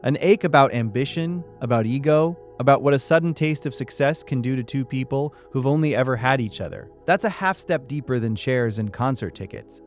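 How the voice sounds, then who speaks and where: A man giving a calm scripted sleep narration, slow, soft and reflective. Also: medium pitch.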